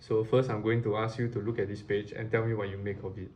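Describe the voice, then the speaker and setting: A man's voice: lowish voice, little pitch movement, quick pace, darkish tone, a little hiss or hum. A man moderating a usability test, reading out a briefing and task instructions.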